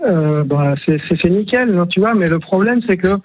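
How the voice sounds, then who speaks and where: A man's voice: high voice, expressive, normal speed, dry recording. A man calling in to a radio show, talking in a hesitant, rambling way full of restarts. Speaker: caller. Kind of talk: casual phone call to a radio show. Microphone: phone. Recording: dry tinny phone line.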